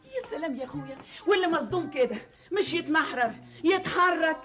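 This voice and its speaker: A pushy Egyptian mother who nags in a high, shrill voice, with faint music behind. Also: expressive, fast talker, a bit bright. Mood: nagging. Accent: Egyptian Arabic.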